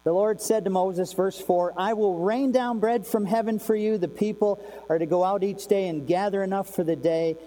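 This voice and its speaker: A man preaching a sermon in a conversational way, with rhetorical questions, swinging between loud outbursts and hushed asides. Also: high voice, normal speed, few pauses, smooth. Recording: long reverb, faint mains hum.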